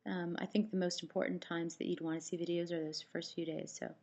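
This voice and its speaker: Give the voice of a woman with a slightly low pitch, talking casually as a vlogger. Her mouth is dry as she recovers from surgery. She rambles through anecdotes and recounts exchanges in a conversational way. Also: level tone, brisk, darkish tone. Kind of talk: casual chat to camera, personal storytelling.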